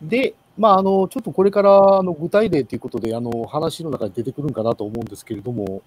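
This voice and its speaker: Fast-talking, husky man presenting. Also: a little high, a little mellow, rough recording. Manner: hesitant, many fillers. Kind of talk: online meeting presentation. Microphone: video call.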